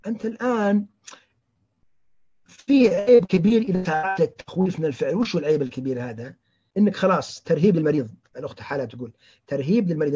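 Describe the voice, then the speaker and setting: Fast animated man teaching a class. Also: high-pitched, slightly rough. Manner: animated, quizzes students by name, acts out example dialogues. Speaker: trainer teaching patient counseling. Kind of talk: interactive lecture. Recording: muffled lo-fi recording.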